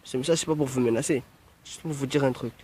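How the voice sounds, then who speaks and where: A man's voice: medium pitch, quick pace, mellow, husky. Rambling young man preaching to his followers. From Marseille. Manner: rambling, preachy, repeats "tu vois" and "bref". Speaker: music producer addressing his followers. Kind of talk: casual direct-to-camera message.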